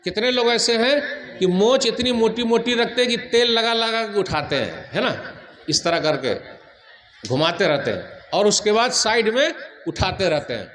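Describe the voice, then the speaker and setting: A male Islamic preacher delivering a sermon to a large gathering, teasing the crowd with questions and reciting hadith quickly. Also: sits high, animated, fairly bright tone, slight background noise. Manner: asks the crowd questions, jokes and teases.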